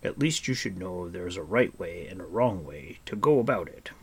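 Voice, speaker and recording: A man doing a gruff old blacksmith. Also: animated, moderate pace, exaggerated voice. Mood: wry. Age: older. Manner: low, gruff, half-whispered. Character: stout old bald blacksmith, gruff but kindly.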